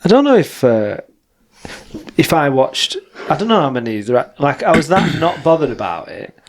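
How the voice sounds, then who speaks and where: A man's voice: fairly high pitch, sing-song, normal speed, background noise. A young man co-hosting a casual podcast over drinks, rambling easily and laughing often. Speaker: podcast co-host.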